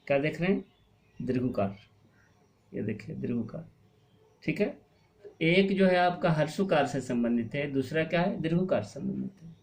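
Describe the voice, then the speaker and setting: Patient Hindi teacher, slightly high voice. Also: male voice. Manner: explains patiently, asks and answers his own questions; stretches and stresses words to show pronunciation. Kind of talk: online class lesson.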